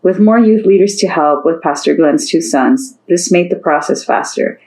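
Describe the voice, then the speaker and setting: A woman's voice: fairly low pitch, normal speed, darkish tone, low-quality recording. A woman narrating a story aloud, reading steadily and lifting her voice for the characters' lines.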